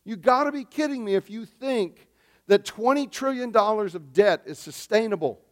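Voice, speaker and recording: A man preaching a sermon as pastor, swinging between loud emphasis and quiet asides. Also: sits high, lively intonation, normal speed.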